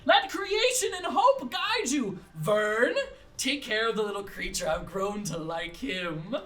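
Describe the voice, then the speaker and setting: A man voicing an elderly red-haired woman, wild and gleeful, with a shrill, exuberant manner. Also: lively intonation, measured pace, bright, forceful tone, full character voice. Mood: rousing.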